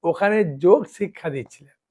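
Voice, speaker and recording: A male monk delivers a devotional sermon in a rather high voice. He keeps checking that his listeners follow him and recites lists of names slowly, one at a time. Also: mellow. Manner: keeps asking listeners "understood?". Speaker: monk preacher.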